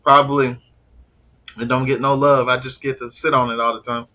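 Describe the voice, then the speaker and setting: A man's voice: medium pitch, level tone, normal speed, bright, forceful tone. A man with a stuffy nose from allergies, chatting casually and rambling during a live stream. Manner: laid-back, trailing off with fillers. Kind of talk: casual rambling chat while eating.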